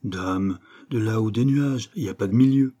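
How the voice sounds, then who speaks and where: A man's voice: lowish voice, moderate pace, mellow, breathy edge. Man doing a slangy reformed street brigand. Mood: folksy, naive. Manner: slangy, folksy working-class talk. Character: reformed male street brigand, naive and proud.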